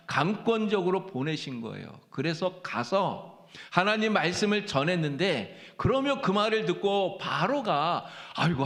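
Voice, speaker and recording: Male pastor, gravelly voice, sermon delivery with rhetorical questions and acted-out quotes. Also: mid-range voice, a bit bright. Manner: preaches with rhetorical questions, acting out quoted prayers.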